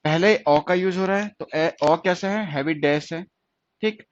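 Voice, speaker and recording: A man's voice: fairly high pitch, measured pace, no echo. A man teaching shorthand in a classroom lesson, explaining step by step and repeating each point with checking questions. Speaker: stenography teacher. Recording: dull lo-fi dry recording.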